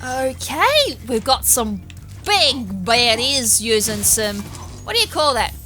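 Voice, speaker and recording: Bright, excitable Australian woman gamer. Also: a little high, takes it slowly, soft background music. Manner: excitable, chatty, self-mocking. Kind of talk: let's play commentary.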